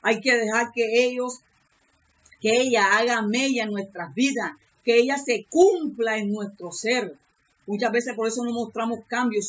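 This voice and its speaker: A woman's voice: fairly high pitch, highs cut off, a little hiss or hum. A woman pastor preaching a sermon with earnest repetition, calling out praise words between points. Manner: earnest preaching, repeats phrases, calls out "aleluya".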